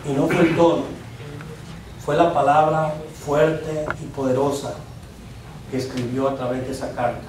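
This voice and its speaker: A man preaches a sermon in a high voice, pausing often and letting his voice sink at the close of each line. He sits well back from the mic in a church hall with heavy echo. A faint hum of room noise runs underneath. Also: darkish tone. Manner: preaching with pauses, dropping his voice at line ends. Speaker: pastor. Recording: very echoey church hall from far off.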